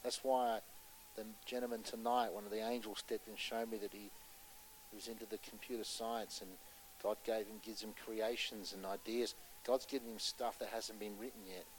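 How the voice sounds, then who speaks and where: A man preaching a sermon with passion, pressing his points loudly and then dropping to a hushed voice to tell a story, and putting questions to his listeners. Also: on the low side, little pitch movement, normal speed, slight background noise, rough recording. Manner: impassioned, swinging between loud urgency and hushed storytelling; asks the audience rhetorical questions.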